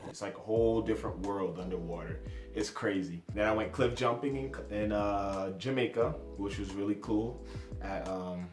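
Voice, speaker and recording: A young man from New Jersey introduces himself on camera, easygoing and a little self-mocking, his voice sitting fairly low. The room is echoey, and music plays clearly behind him. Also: moderate pace. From New Jersey, USA. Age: 20s. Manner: chatty, self-deprecating, jumps between topics. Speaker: vlogger. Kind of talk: casual to-camera introduction vlog.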